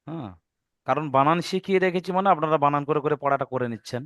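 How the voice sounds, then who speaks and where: Male reading teacher, online class; patient, spells everything out, stretches recited words. Smooth, clear voice, dry sound. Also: on the high side, a bit bright, no room sound. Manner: patient, spells out letters and vowel marks step by step; draws out recited words slowly.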